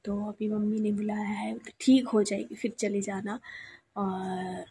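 A young woman from Punjab, India, vlogging casually while unwell and short of sleep, talking quietly. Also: mid-range voice, flat delivery, measured pace, gravelly, slightly rough. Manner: soft, subdued talk, she speaks quietly. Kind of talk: casual vlog chat.

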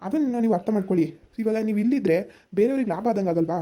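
A woman voicing a young son-in-law who calmly talks his mother-in-law round in a village family drama. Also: medium pitch, racing, natural voice. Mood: persuading. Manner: persuasive, repeated appeals. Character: reasonable young son-in-law, calm persuader.

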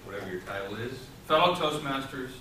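A middle-aged man of medium pitch delivers an animated, theatrical tall tale to a live audience, speaking dramatically and deliberately with pauses and repetition. He's a storytelling contestant at a public speaking club, in a small indoor meeting room with a whiteboard. A far-off camera microphone captures him, leaving the audio roomy, echoey, distant and clearly noisy.

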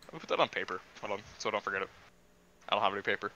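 A man's voice: fairly low pitch, steady tone, racing, sharp tone, highs cut off, a little hiss or hum. A man co-hosting a stream, joking and defending himself in casual banter. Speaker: co-host on stream.

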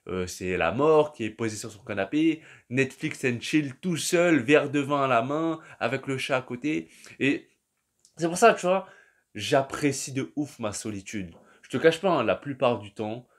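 A man's voice: mid-range voice, expressive, normal speed. A young man, talking casually and at length to his viewers in a loose, slangy monologue that often trails off. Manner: slangy, rambling, addresses the listener as "tu". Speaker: vlogger.

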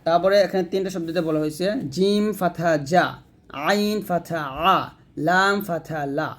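A man teaching Quran reading, sounding out each letter slowly and clearly, then explaining more quickly and asking and answering his own questions. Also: high voice, steady tone, a bit bright. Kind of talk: step-by-step pronunciation lesson.

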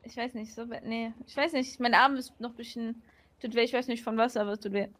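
A woman's voice: on the high side, fairly even intonation, quick pace, fairly bright tone, natural voice. A woman playing a suspicious young homeless woman who complains and refuses to trust, in a game roleplay. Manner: distrustful, pouty complaining.

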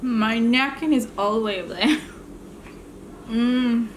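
Woman, slow relaxed speech, slightly high voice, mukbang host, rambling chat between bites. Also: background noise. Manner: chatty, rambling, eating between sentences. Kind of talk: casual chat while eating on camera.

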